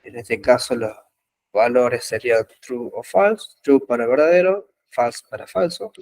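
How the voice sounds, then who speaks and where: In his live online coding class, a programming instructor explains web development code at a slow, halting pace, full of pauses and fillers. He has an expressive, mid-range voice with a darkish tone, captured dry on a computer mic.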